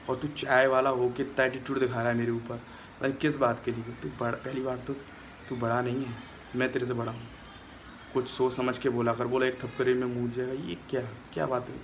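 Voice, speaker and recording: A young male vlogger speaks straight into his phone camera in a mid-range voice, with slight background noise. In this casual vlog he sounds aggrieved and complains while retelling a quarrel.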